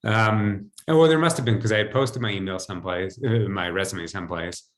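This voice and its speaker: Fairly quick and low-voiced, this American financial advisor in his fifties, from New Jersey, chats with the interviewer as a podcast guest on a video call. He recounts his own story conversationally from home, indoors, using the computer mic.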